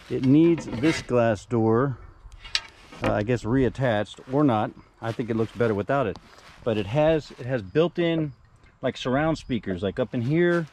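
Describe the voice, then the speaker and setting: A man's voice: mid-range voice, a little mellow, slight background noise. Rambling man showing off storage finds outdoors. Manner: rambling, folksy, lots of fillers. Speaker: storage unit reseller. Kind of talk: casual filmed walkthrough. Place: outdoors in a yard. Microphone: handheld camera, first-person view.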